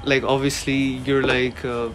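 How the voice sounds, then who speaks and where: Young male interviewee, halting and full of fillers, faint background noise. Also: mid-range voice, flat delivery. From Pakistan. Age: young adult. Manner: hesitant, many fillers and restarts. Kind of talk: casual interview conversation.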